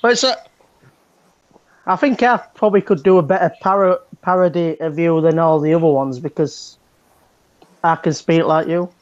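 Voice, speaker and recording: Male guest, Yorkshire accent, joking and agreeable, slightly high voice, dull lo-fi sound. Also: moderate pace, pauses often. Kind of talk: casual live stream chat.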